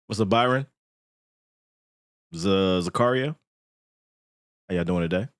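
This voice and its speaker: A podcast host with a deep, clean voice speaks a little slowly as he jokes and swears through a casual livestream. The studio-quality recording has no room sound, though music plays in the background.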